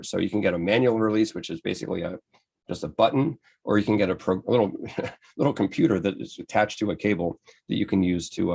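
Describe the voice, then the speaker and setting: A man's voice: on the low side, a little mellow, husky. An American man giving an enthusiastic, conversational photography lecture from slides, with frequent restarts. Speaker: photography presenter. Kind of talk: slide-based club lecture.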